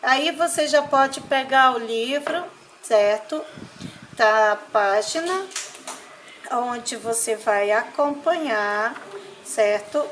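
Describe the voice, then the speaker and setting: A Brazilian woman teaching a primary school class, dictating words one by one and explaining slowly and deliberately. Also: on the high side, fairly bright tone, a little hiss or hum, poor audio. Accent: Brazilian Portuguese. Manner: slow, deliberate word-by-word dictation. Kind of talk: recorded class lesson.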